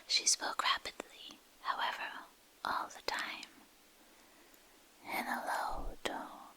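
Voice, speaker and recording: A woman whispers a literary fantasy story for ASMR, breathy and intimate, pausing between short hushed phrases. She is close to a binaural microphone that captures her from ear to ear.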